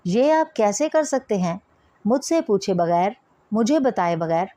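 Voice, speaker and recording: A woman's voice: medium pitch, lively intonation, unhurried, mellow, close to an everyday voice. A woman reading the part of a young woman who protests, distressed and indignant, against a marriage forced on her. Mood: pleading.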